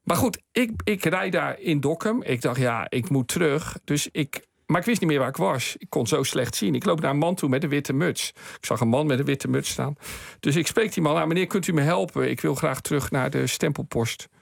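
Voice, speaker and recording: A man's voice: fairly high pitch, moderate pace, creaky, hardly any pauses, dry recording, studio quality. A man on a radio show, telling his own story with chuckles and acting out the voices of the people in it. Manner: lively, chuckling storyteller who acts out quoted voices. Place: radio studio.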